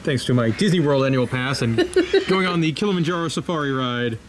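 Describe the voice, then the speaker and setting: A man casually narrating a walk through a zoo, pointing out animals in a relaxed, chatty way. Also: medium pitch, brisk. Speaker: zoo tour vlogger. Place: outdoor zoo walkways. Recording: outdoor noise around camera mic.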